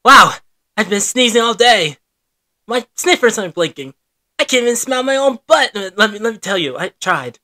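A woman voicing a big, goofy male talking dog in a cartoon, blunt and gruff in manner. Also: fairly high pitch, animated, normal speed, pushed and bright, dry recording, clean studio sound.

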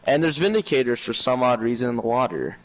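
A man's voice: medium pitch, lively intonation, quick pace, crowd noise, rough recording. A young man chatting casually with a friend during a game, laid back, explaining game mechanics and stumbling over his words at times. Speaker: friend playing along. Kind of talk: casual gaming chat.

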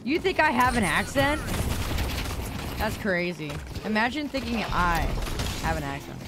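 A young adult woman with a Midwestern American accent chats playfully while streaming a game, often repeating phrases in a sing-song way. Her mid-range voice is very animated but a little slow, and loud game noise runs underneath.

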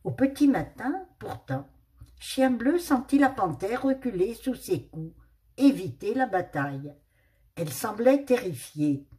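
A woman reading a children's storybook aloud, expressive and unhurried. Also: on the high side.

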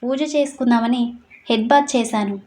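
A woman's voice: fairly high pitch, brisk, darkish tone, natural voice. A woman voicing an innocent, sweet young wife who pleads and protests in a read-aloud story.

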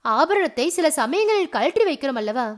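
A woman's voice: high voice, big pitch swings, moderate pace. A woman voicing a bold, teasing young queen in an audio novel, speaking with playful directness.

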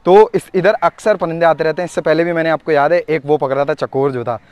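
Excited man vlogging outdoors. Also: a little high, fast, clean tone, no echo. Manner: excited, talks to camera, whispers when creeping closer. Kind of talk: casual vlog narration while searching. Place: outdoors in thorny scrubland.

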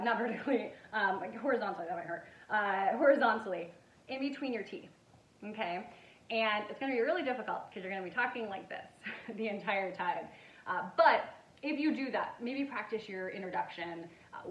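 Conversational woman lecturing in echoey room. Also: medium pitch. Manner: conversational, uses fillers, acts out examples. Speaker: public speaking instructor. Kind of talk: informal lecture. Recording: echoey room from far off with faint noise.

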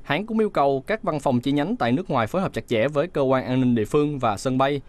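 A man reading a scripted news voice-over in a steady, measured way. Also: medium pitch. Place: studio booth.

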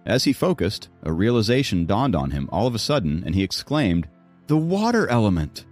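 Male audiobook narrator, very low voice, animated melodic reading. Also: fairly quick, faint music behind. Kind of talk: scripted narration.

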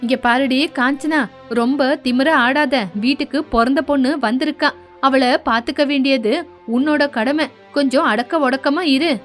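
A woman voicing a domineering older mother-in-law in an animated story, scolding and bossy. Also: high-pitched, normal speed, soft background music, lightly acted.

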